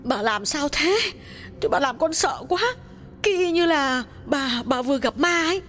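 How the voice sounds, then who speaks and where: A woman's voice: a little high, lively intonation, a little fast, a little hiss or hum, natural voice. A woman voicing an anxious, curious young village woman in an audiobook, pressing with questions. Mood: alarmed. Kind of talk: audiobook dialogue reading.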